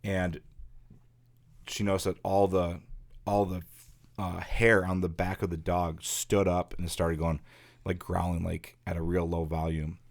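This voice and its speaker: A man's voice: low voice, flat delivery, measured pace, vocal fry. A man hosting a podcast, telling a ghost story in a casual, rambling way with many restarts. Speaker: podcast host.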